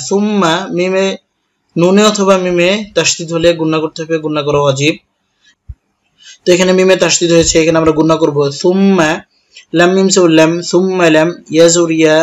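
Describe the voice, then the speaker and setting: A man with a Bangladeshi Bengali accent, teaching Quran recitation, spelling out each letter and vowel mark syllable by syllable. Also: on the high side. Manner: spells each syllable slowly, then chants the verse in a drawn-out melody. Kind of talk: letter-by-letter tajweed instruction.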